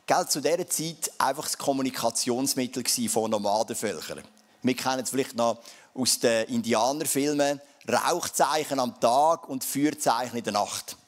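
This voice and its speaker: A man's voice: mid-range voice, moderate pace. A man with a Swiss German accent preaching a sermon in a casual, conversational way, often adding dialect fillers. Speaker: pastor.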